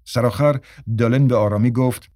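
A man narrates in a measured, steady storytelling voice. His pitch sits in the middle range, and the recording is close and dry with no room echo. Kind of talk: scripted narration.

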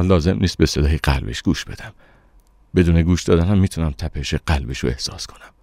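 A calm, deluded young lover who murmurs softly and shrugs off every charge, in a very deep voice, as a man reads his part. The sound is dry and close. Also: vocal fry, dry recording. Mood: defiant. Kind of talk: dramatic audiobook reading.

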